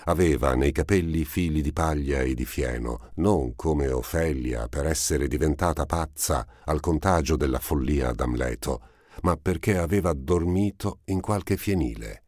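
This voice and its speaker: A man narrating a novel as an audiobook, reading in a measured, even way. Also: extremely low pitch, no echo, studio quality.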